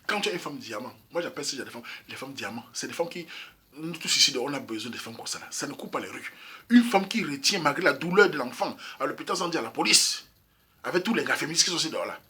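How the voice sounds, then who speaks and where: A man from Cameroon delivers a casual opinion monologue, emphatic and repetitive, turning to address his listeners directly. His voice is bright and a little husky, sitting somewhat high for a man, and the words come quickly. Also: animated. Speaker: YouTube commentator. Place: Europe.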